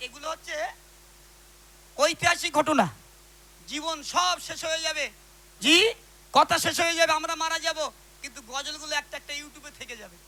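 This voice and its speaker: A man's voice: extremely high pitch, normal speed, long pauses, low-quality recording. A man who tells a religious story to a live audience between sung ghazals and keeps calling out to the crowd. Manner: animated, calls out to the crowd. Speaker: ghazal singer and preacher.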